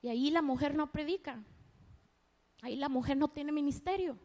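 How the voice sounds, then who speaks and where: A woman's voice: high voice, moderate pace, mellow, long reverb tail. A woman pastor preaching a sermon in a conversational way, rising to emphatic bursts.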